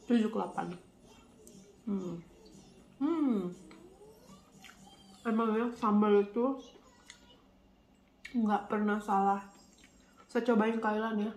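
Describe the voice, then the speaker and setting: A woman's voice: mid-range voice, takes it slowly, long pauses, darkish tone, some chatter behind. A woman with a blocked, nasal voice from a cold, chatting casually as a vlogger while she eats. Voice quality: congested, stuffy-nosed nasal voice. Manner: chatty, colloquial, often speaking between bites. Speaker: vlogger, channel host. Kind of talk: casual chat while eating, mukbang vlog. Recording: roomy echo, faint background noise.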